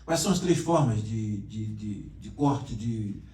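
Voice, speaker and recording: A man's voice: lowish voice, expressive, a little slow, mellow. A male pastor teaching a Bible class, reading Hebrew aloud, quizzing his students and joking with them. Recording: roomy classroom echo, mic far off.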